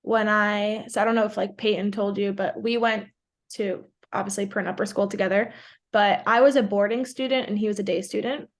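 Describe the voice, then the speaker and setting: A twenty-something woman from New York, a native Portuguese speaker, talks casually as a podcast guest and drops "like" into almost every sentence. Her mid-range voice stays steady, and she speaks fairly quickly.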